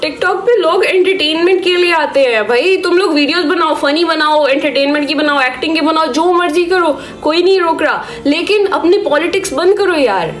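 A woman with a hoarse, sore-throated voice delivering a stern warning rant to her live-stream viewers, scolding them and asking "okay?" after each point. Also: very high voice, normal speed, hardly any pauses. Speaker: social media creator on a live stream.

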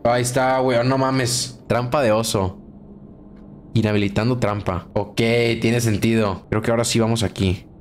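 A man's voice: fairly low pitch, steady tone, moderate pace, a little hiss or hum. A young man with a Mexican Spanish accent, commenting on a horror game as he plays, swearing and shrieking when scared. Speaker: gaming streamer. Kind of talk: let's play commentary.

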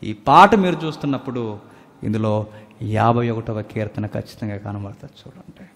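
A man's voice: lowish voice, moderate pace. Man preaching dramatically in a reverberant hall. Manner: dramatic, swinging from loud bursts to near whispers. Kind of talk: sermon. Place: church anniversary service.

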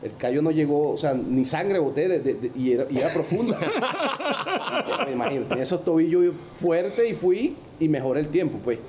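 A man's voice: on the high side, moderate pace, slight background noise. Venezuelan man telling baseball stories. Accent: Venezuelan Spanish. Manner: animated, acts out the people in his stories with a raised voice. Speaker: former baseball player, guest. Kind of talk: casual storytelling.

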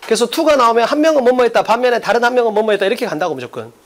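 A man's voice: very high-pitched, animated, very fast. A man lecturing on an English exam, emphatic and blunt, constantly firing rhetorical questions at his students. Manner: emphatic, quizzes listeners with rhetorical questions, blunt casual speech. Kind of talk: energetic classroom lecture.

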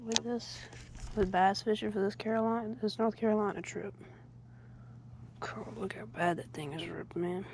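A man's voice: sits high, gravelly. A young man talking to himself as he fishes from a kayak on a lake, often in half-whispered asides, recorded on a head-mounted action camera outdoors. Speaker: angler vlogging from a kayak. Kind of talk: casual fishing commentary. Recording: outdoor action-camera audio with loud background noise.

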